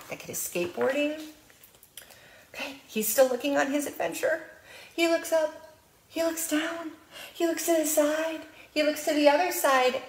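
American woman, library storytime host, sing-song and playful, slight vocal fry, echoey room. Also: high voice, slight background noise. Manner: playful sing-song when reading, with animal sounds. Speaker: children's librarian. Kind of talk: storytime reading and early literacy tips.

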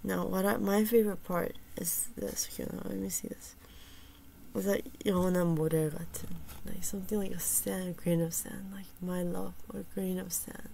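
A soft-spoken woman chatting casually about a poem and its translation. She talks hesitantly, with many fillers and restarts, and often drops to a near whisper. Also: on the low side, fairly even intonation, fast, creaky, a little hiss or hum, low-quality recording.

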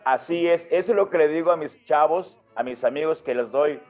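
A man with a Mexican accent, a singer chatting warmly and familiarly as a guest in a radio interview. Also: on the high side, a little fast, soft background music. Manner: friendly, familiar, addresses the host as friend.

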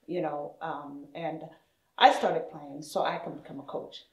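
A woman from Somalia telling her personal story in an interview, animated, acting out other people's words in a higher voice. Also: unhurried, dull audio. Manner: animated, acts out quoted speech with rising pitch. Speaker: interviewee, hockey parent and player. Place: indoors in a room with equipment shelves. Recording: roomy, echoey indoor sound.

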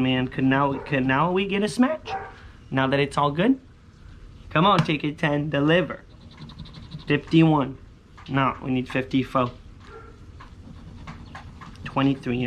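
A vlogger in his thirties talks casually to viewers while scratching lottery tickets on a covered patio beside a pool. He's slangy and repetitive, muttering hopefully under his breath, in a mid-range, slightly bright voice over outdoor ambient noise.

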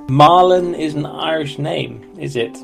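Guy on a game stream, kinda gravelly, jokey and teasing, trips over his words a bit. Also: a little high, a little slow, fairly bright tone, soft background music. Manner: joking, teasing, thinks aloud with restarts. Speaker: let's play streamer. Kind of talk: casual gameplay chat.

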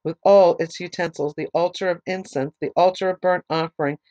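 With allergies wearing her voice down, a woman teaches a Bible study, reading passages slowly, explaining them briefly, and spelling names letter by letter. The lowish voice holds a steady, mellow tone, though the audio is dull.

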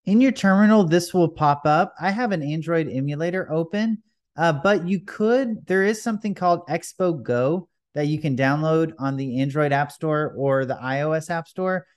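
A man's voice: on the high side, moderate pace. A man hosting a coding tutorial, talking casually over a screen recording with frequent fillers. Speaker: developer tutorial host. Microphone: voice-over on a desktop screen recording.

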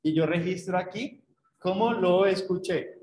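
A man lectures to a class online, walking through each step and pausing to ask his listeners rhetorical questions. His voice sits a little high for a man. The room around him is echoey. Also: a little mellow.

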